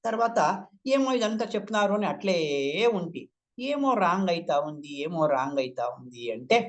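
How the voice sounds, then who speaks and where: Older man, slightly high voice, heartfelt testimony, repeats himself. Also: animated, moderate pace. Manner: emotional, repeats words, voice rises when quoting others. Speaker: meditation teacher sharing his experience. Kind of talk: personal testimony talk.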